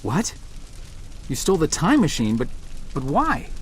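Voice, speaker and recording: A man's voice: a little high, wildly swooping pitch, unhurried, a little hiss or hum. An actor playing a confused, incredulous man questioning a friend in a video game. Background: game music.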